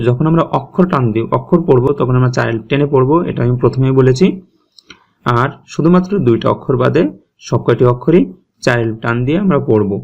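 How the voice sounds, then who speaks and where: A man's voice: medium pitch, highs cut off. A man teaching Quran recitation step by step, patiently repeating each sound and checking in with his listeners. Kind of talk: step-by-step tajweed lesson.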